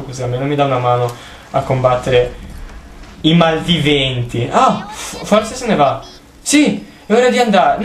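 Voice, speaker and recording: A man commentating his own gameplay in a loose, casual way, shouting and cursing at the screen. His pitch swings widely from low mutters to high yelps. The sound has the echo of a bare room. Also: a little hiss or hum. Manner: animated, yelling and swearing at the game. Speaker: video game streamer. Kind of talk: casual let's play commentary.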